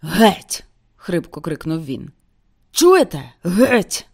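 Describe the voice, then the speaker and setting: A woman shouting as a furious young sailor brawler. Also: deep voice, expressive, moderate pace. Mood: roaring. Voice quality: hoarse shouting. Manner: rough, commanding, threatening.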